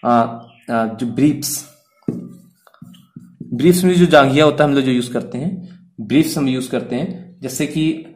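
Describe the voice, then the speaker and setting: A man's voice: medium pitch, measured pace, long pauses. A man teaching grammar to students in Hindi mixed with English words, asking and answering his own questions as he goes. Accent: Indian English words in Hindi speech.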